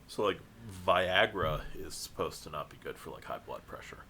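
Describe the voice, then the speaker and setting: A man's voice: deep voice, moderate pace, bright, forceful tone, a little hiss or hum. A man co-hosting a podcast, chatting casually with dry jokes. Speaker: podcast co-host. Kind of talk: casual chat.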